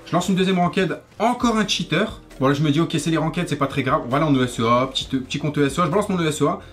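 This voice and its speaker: A man's voice: on the high side, fast talker, fairly bright tone. A man, ranting casually as a gaming YouTuber in sweary street slang. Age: 20s. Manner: French street slang, swearing, familiar address. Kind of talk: casual rant to camera over gameplay. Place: small bedroom, indoors. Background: faint music.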